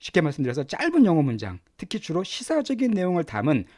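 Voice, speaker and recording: A middle-aged man gives an English lesson, his voice rising and falling in an animated way. He sits a little high in pitch and breaks sentences down, repeating words slowly to show how they are said. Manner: lively, explains pronunciation by repeating words slowly. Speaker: English teacher. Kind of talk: Korean-language English lesson.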